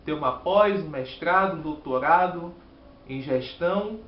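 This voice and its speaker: A fairly high-voiced man from Bahia with a Bahian Brazilian accent walks through a Bible lesson slowly and earnestly, leaning on key words. His voice sits in a roomy space on a muffled recording with a faint hiss behind it. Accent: Bahian Brazilian Portuguese. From Salvador, Bahia, Brazil. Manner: earnest, measured teaching with pauses and emphasis. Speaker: Sabbath School teacher and lay preacher.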